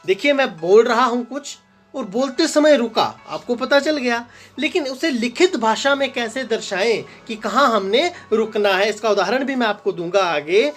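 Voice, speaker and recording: A man's voice: very high-pitched, animated, normal speed, fairly bright tone, soft background music. A man teaching a grammar lesson, asking and answering his own questions and repeating the example sentences with emphasis.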